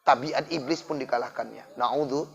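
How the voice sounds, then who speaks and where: A male preacher, telling stories in a sermon and addressing the crowd directly, swinging from loud to hushed. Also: medium pitch, normal speed, gravelly. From Indonesia. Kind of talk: sermon with storytelling. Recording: dull lo-fi sound.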